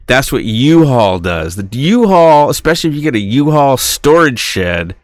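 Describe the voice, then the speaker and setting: An American podcast host with a medium-pitched, sing-song voice delivers a casual, rambling, indignant monologue at normal speed, acting out imagined back-and-forth dialogues. There's no echo.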